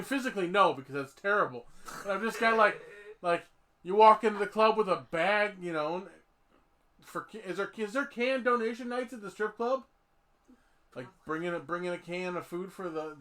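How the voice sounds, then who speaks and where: A man with a high, bright, ringing voice hosts a casual comedy podcast. He jokes, rambles and laughs as he talks, in a loose, chatty way. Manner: joking, rambling, laughs often. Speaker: podcast host.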